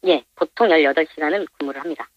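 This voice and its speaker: A man with an electronically disguised voice politely and haltingly explains things as an anonymous interviewee. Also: no echo. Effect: voice disguised by pitch-shifting for anonymity. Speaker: minibus driver interviewed anonymously. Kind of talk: plain interview answers. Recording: dull, band-limited phone interview audio.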